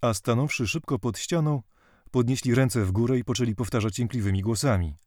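A man narrating a classic novel as an audiobook in a measured, steady reading voice. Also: medium pitch, no room sound, studio quality.

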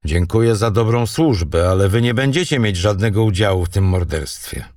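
A man's voice: lowish voice, expressive, moderate pace, a little mellow, no room sound, clean studio sound, recorded from a distance, close to an everyday voice. A man voicing a proud young Norse king who gives terse, stern commands, read in an audiobook. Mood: resolute.

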